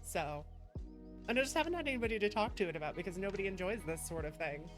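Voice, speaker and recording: Music plays behind a woman hosting a live stream as she talks warmly and gushingly to her audience, thanking them. She has a mid-range voice with lively intonation and talks fast.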